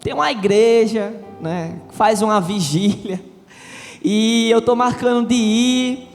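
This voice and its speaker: A young man quoting his excited female friend from church in his own voice. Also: fairly high pitch, slow pace, long reverb tail, faint music behind.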